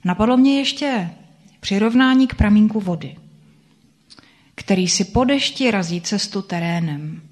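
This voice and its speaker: A woman reading a first-person story aloud in a soft, reflective way. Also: medium pitch, expressive, pauses often.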